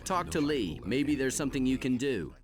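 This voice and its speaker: Man as blunt, aggrieved mercenary, lively pitch. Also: moderate pace, natural voice. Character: indignant, wary male mercenary smith's comrade. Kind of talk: video game dialogue acting.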